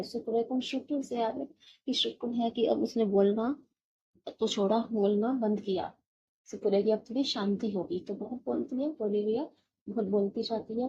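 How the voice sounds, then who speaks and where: A woman's voice: a little high, darkish tone, dull audio, a little hiss or hum. A woman teaching an exam-prep lesson, explaining memory tricks and repeating each one several times.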